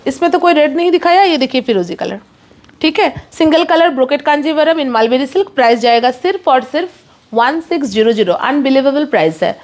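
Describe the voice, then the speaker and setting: High-voiced woman rattling off a sales pitch. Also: a little mellow. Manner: rapid, pushy sales patter, mixing English in. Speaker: online saree seller. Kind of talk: live sales stream.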